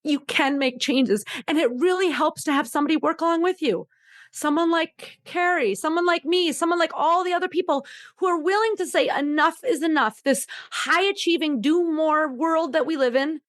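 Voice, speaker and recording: A woman's voice: high-pitched, moderate pace, no echo, clean studio sound. A middle-aged woman, a physician and coach, giving emphatic advice in a podcast interview and acting out quoted inner voices.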